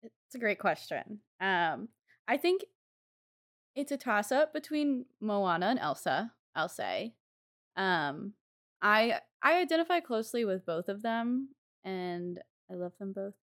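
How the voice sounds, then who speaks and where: Young woman, co-host, enthusiastic, indecisive, lively melody. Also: medium pitch, unhurried. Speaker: podcast co-host. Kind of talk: casual chat.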